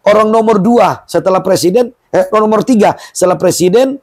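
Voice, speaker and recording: A man's voice: sits high, brisk, darkish tone, dry recording, studio quality. A middle-aged man founding a Quran museum and boarding school, telling his story in an emphatic, emotional way during an interview.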